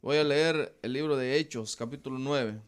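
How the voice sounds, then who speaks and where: A man's voice: mid-range voice, normal speed, smooth. A man hosting a Bible discussion program on the radio, preaching emphatically and repeating his key points. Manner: emphatic, repeats key phrases, addresses listeners as brothers.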